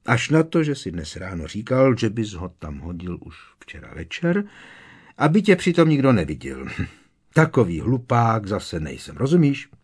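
A man's voice: on the low side, very animated, husky. A man voicing an exasperated teenage boy wizard in an audiobook, protesting insistently. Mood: angry. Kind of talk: audiobook character reading.

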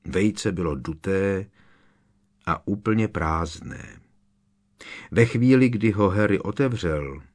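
A man reads a story aloud with a somewhat low voice. His narration is steady and expressive, and every voice in the tale passes through his own reading. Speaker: audiobook narrator. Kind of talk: scripted narration.

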